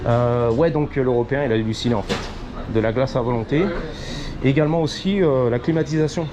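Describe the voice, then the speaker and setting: A man's voice: mid-range voice, fast, crowd noise. A man chatting casually to his viewers outdoors, rambling in slang and dropping in English phrases. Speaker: vlogger. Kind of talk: casual street vlog chat. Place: outdoors on a street and parking lot. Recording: dull audio with loud street and traffic noise.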